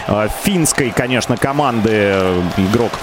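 A man giving live radio play-by-play of hockey in a measured, descriptive, detailed way. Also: lowish voice, noisy background.

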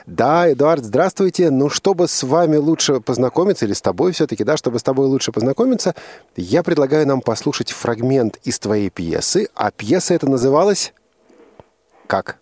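A man with a medium-pitched, somewhat dark voice hosts an informal radio interview with a young guest, speaking animatedly and a little fast. He probes by repeating and rephrasing his questions. The recording is dry.

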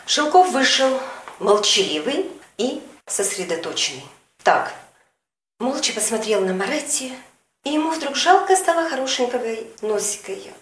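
A woman reads a story with animated, expressive delivery and a fairly high, lively voice. Her voice echoes in the room while music plays behind her. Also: moderate pace, a little hiss or hum. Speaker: reader in a recitation contest. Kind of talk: expressive literary reading.

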